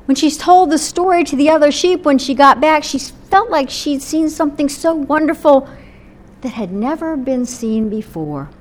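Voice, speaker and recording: A woman pastor telling a gentle story sermon in a church service, her voice softening to near-whispers at the ends of phrases. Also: high voice, lively intonation, moderate pace.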